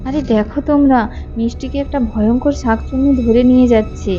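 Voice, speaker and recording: A woman's voice: high-pitched, fairly even intonation, a little fast, mellow, close to an everyday voice. A woman voicing a distraught young mother in a storybook tale, talking urgently and pleadingly. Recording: muffled, with background music.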